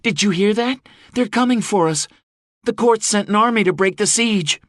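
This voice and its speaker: A male narrator voices a fierce young woman leading mercenaries under siege; the voice reads as a woman's, sitting low and expressive at a slightly slow pace. She's blunt, sharp-tongued, and swears freely, sounding incredulous and pleading. The sound is clean studio audio with no room tone, and the voice is pushed up.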